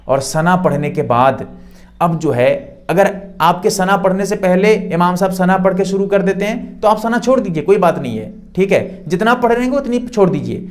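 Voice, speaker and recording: A man's voice: high-pitched, lively intonation. Man giving patient step-by-step religious instruction. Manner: patient, step-by-step explaining with rhetorical questions. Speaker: Islamic scholar.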